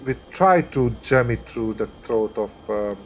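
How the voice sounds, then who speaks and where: Soft music plays beneath a medium-pitched, animated male voice that takes its time. The speaker is a Hungarian-accented flight sim streamer, live and chatty, reasoning aloud as he moves through each step.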